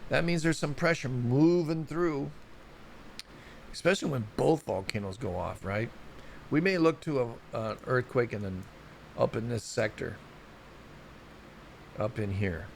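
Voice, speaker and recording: A man's voice: medium pitch, lively intonation, measured pace, creaky, pauses often, a little hiss or hum. A man hosting a casual solo news report on volcanoes, rambling and chatty, often stumbling over place names. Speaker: show host.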